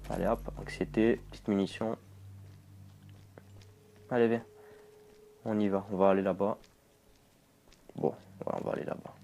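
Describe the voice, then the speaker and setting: Jumpy, swearing young gamer. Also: male voice, on the low side, fairly even intonation, moderate pace, pauses often, warm tone. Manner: jumpy, swearing, talking to viewers. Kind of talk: let's play commentary.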